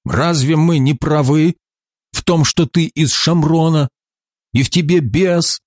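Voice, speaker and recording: A man's voice: fairly high pitch, unhurried, a little mellow, no room sound, clean studio sound, voice pushed up. A man reading the lines of a group of male challengers, in an indignant, questioning way.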